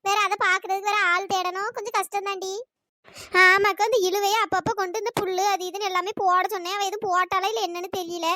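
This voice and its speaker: A woman's voice: little pitch movement, fast, pushed and bright, no room sound, studio quality. A woman voicing a chatty, scolding village woman in a cartoon. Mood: grumbling chat. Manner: scolding, exasperated. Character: chatty village woman, elder sister type. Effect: pitch-raised cartoon voice. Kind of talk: cartoon storytelling.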